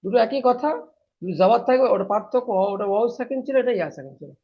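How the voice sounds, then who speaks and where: A man teaching Quran reading, chanting letter and vowel drills and correcting students gently. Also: very high voice, lively intonation. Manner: chanting syllables, brisk explanations, gentle corrections. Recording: dull lo-fi recording.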